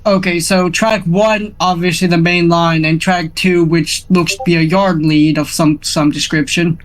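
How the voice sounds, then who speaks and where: A man's voice: on the high side, fairly even intonation, measured pace. A man playing an online train game with friends, chatting casually, swearing often and restarting his sentences. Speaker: fellow player. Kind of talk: casual gameplay chat.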